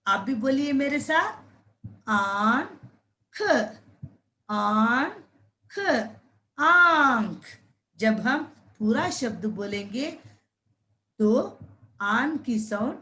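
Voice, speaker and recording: A woman leads young children through a phonics lesson at an exceptionally slow pace. She draws out each syllable and says every word several times over, and her voice sits a little above the usual pitch. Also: lively intonation, a little hiss or hum. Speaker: primary school Hindi teacher.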